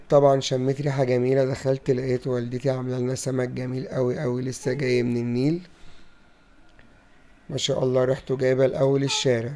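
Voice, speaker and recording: Fast-talking Egyptian man, flat dark voice. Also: medium pitch. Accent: Egyptian Arabic. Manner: playful, acts out talks with animals. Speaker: vlogger. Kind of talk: playful storytelling vlog narration. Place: farm in the countryside.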